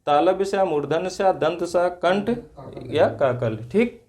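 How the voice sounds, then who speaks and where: A man leads an exam-prep grammar lesson in a call-and-response way. He keeps asking a question and then answering it himself, stretching key terms out slowly. His voice sits a little high for a man. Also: expressive, darkish tone. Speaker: Hindi grammar teacher.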